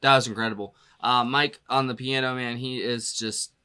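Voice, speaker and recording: A man with a bright, forceful voice gives a casual music reaction. He rambles loosely, stacking up "you know" and "like" as he thinks aloud, and laughs often between thoughts. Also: medium pitch, steady tone, normal speed, clean tone. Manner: laughs often while talking.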